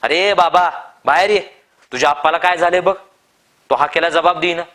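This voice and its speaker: A man doing a loud, high-calling farmer. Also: fairly even intonation, moderate pace, close to an everyday voice. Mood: calling loudly. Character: seasoned middle-aged male farmer, pushy buyer.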